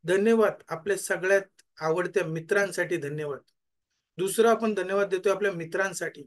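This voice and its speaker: High-voiced man leading a gratitude meditation. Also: a little fast. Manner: repeats thanks softly, trailing off. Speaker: life coach.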